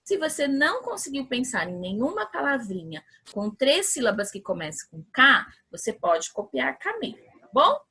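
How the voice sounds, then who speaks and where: Lively, bright-voiced Brazilian woman teacher. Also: high-pitched, breathy edge. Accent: Brazilian Portuguese. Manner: patient, encouraging, sounds out syllables slowly; checks in often with the children. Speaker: primary school teacher. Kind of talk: remote lesson for young children.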